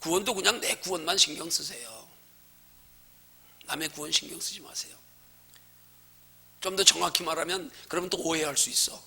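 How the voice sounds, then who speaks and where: A male pastor giving a Bible study sermon in a church. He speaks emphatically, asks rhetorical questions, and swings between loud urging and hushed asides. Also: on the high side, moderate pace, vocal fry, long pauses, slightly rough.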